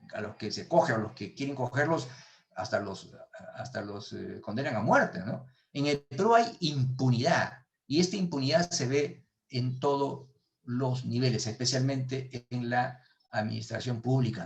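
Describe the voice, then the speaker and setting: Middle-aged man, Peruvian Spanish accent, professor on a video call, mid-pitched, halting with lots of restarts. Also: fairly bright tone. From Peru. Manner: hesitant, many restarts and repeated words. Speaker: economics professor. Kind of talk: webinar lecture answering questions.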